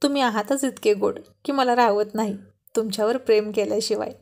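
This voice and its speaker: A woman's voice: medium pitch, brisk, close to an everyday voice. A woman voicing a shy young wife. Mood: shy scolding. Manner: shy, gently scolding. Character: shy, affectionate young wife and new mother. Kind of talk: storybook reading.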